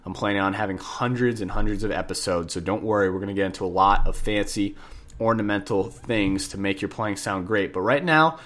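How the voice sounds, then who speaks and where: A man with a lowish, fairly bright voice talks briskly as he hosts a podcast lesson on jazz piano. He sounds stuffed up and chats casually, repeating key points for the listener and correcting himself along the way.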